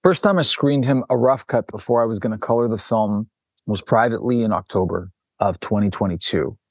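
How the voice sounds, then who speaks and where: Brisk and slightly breathy, a man with a lowish voice is interviewed as a documentary director, telling animated stories with many restarts and acted quotes in a conversational exchange. The recording is studio quality, with no echo.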